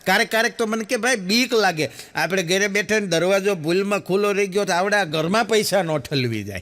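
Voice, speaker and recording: Lively stand-up comedian man. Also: high voice, a little fast, slight background noise. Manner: animated storyteller, acts out quoted characters. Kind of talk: stand-up joke telling. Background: audience laughter.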